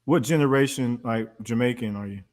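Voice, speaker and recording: A man's voice: medium pitch, a little fast, over a noisy crowd. A man on a debate panel, blunt and probing, firing off questions. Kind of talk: heated live debate.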